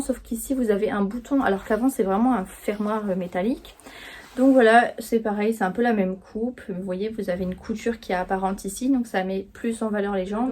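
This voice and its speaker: A young woman chats through a clothing haul, pitched a little high with a mellow, soft tone. She talks casually and loosely, stacking fillers and restarts. Her manner is friendly and unscripted. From France. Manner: chatty, many fillers and restarts. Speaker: fashion YouTuber. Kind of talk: casual try-on haul vlog.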